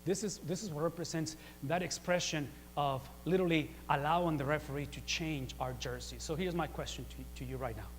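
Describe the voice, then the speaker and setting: A man preaching a sermon, chatty and full of rhetorical questions, swinging from quiet asides to loud emphatic peaks. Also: fairly high pitch, a little fast, few pauses, in a large hall, a little hiss or hum. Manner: conversational, with rhetorical questions and repeated phrases.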